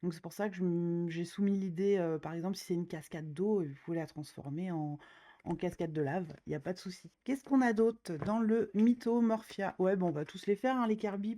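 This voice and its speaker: A woman's voice: on the low side, dark tone. A woman talking casually while browsing coloring books, chatty with many fillers, a little nasal from a cold. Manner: chatty, many fillers, slangy and self-mocking. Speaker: coloring YouTuber. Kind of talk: casual chat leafing through coloring books.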